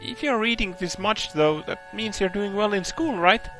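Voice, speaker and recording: A man's voice: sits high, soft background music, voice pushed up. A man voicing a young woman university student, reading her lines eagerly from a visual novel. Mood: curious. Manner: eager, quick when excited.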